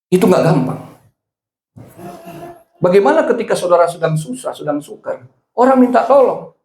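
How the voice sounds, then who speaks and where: A man's voice: high voice, animated, normal speed, darkish tone. A male pastor preaching a sermon, telling stories and acting out the dialogue in quotes. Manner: storytelling, acts out dialogue in quotes. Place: church sanctuary. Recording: echoey church hall.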